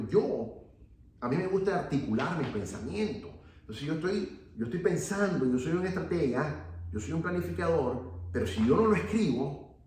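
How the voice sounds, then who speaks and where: A man's voice: medium pitch, darkish tone. Man, Bible class teacher, earnest and repetitive, very roomy echo, a bit off mic, faint ambience. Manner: earnest preaching tone, repeats key phrases, fillers "ok" and "eh". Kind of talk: church Bible class lecture. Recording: echoey room, voice from a distance.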